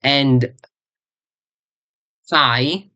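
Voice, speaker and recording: A person giving a casual lesson on an invented language, rambling, searching for words and correcting themselves, and repeating words slowly. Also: mid-range voice, pushed and bright, no echo, muffled recording.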